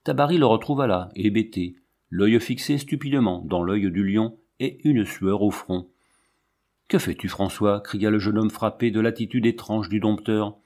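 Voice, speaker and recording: A man reading a novel aloud as narrator, with a dramatic, expressive delivery. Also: fairly low pitch, normal speed. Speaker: audiobook narrator. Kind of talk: scripted narration.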